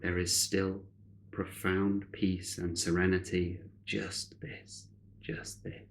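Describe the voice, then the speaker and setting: Over some background noise on a rough recording, a low, gravelly male voice leads a spiritual guided meditation in monotone. He offers brief, solemn phrases with long, deliberate pauses, staying soothing and measured.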